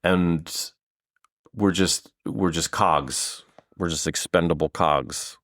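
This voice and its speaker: A man in his thirties, a podcast guest, with a low voice. He rambles through long casual answers and swears now and then. His voice is recorded dry, with no room sound. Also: slow, a bit bright, dry recording. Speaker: improviser and guest.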